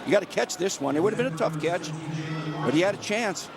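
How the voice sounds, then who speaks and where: A man's voice: sits high, lively intonation, quick pace, crowd noise. A man giving conversational football analysis, explaining plays in a plainspoken, coach-like way. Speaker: color analyst. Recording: clear outdoor stadium noise behind voice.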